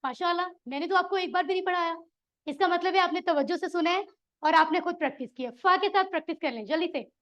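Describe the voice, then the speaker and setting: A woman's voice: very high-pitched, fast, fairly bright tone. A woman teaching a Quran Arabic class, encouraging her students and quizzing them. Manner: encouraging, asks the class questions. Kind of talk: classroom lesson.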